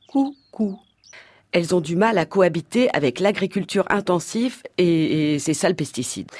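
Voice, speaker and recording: A woman narrates with a playful, teasing touch, drawing her listeners in with questions. Her fairly low voice swings widely in pitch, full of expression. A faint noise sits under the recording. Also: a little mellow.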